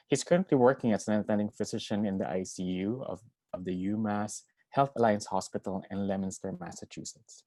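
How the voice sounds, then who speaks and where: A man speaks over a video call, his voice low-pitched and darkly mellow. He moderates a medical webinar and reads out the panelists' backgrounds in a formal, measured way. The sound is dry and close, with no room around it. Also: no room sound. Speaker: webinar moderator and family physician.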